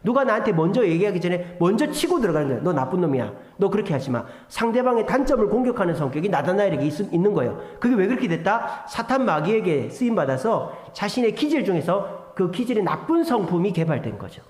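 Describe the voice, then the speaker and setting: A male pastor preaching a sermon, emphatic, swinging between loud exhortation and hushed asides. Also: sits high, very animated, quick pace, few pauses. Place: church sanctuary. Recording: echoey church hall with long reverb.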